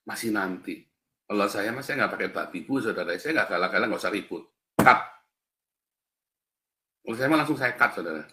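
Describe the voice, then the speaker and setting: A man's voice: fairly low pitch, expressive, a little fast, long pauses, bright, forceful tone. A man preaching to a congregation in a casual, storytelling way, with an Indonesian accent, often calling his listeners "brothers". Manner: addresses the congregation as "Saudara" again and again, anecdotal. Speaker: pastor. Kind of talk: sermon.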